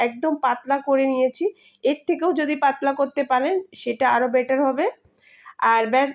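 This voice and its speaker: A woman with a hoarse voice from a cold, patiently explaining a home recipe step by step in a voice-over, with frequent fillers. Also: high voice. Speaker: home cooking channel host. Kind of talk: cooking tutorial voice-over.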